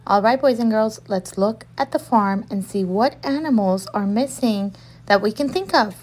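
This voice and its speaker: A woman in her thirties teaches toddlers at a moderate pace in a mid-range voice, acting animated with gasps and questions. Filmed close in a small room, the audio quality is poor.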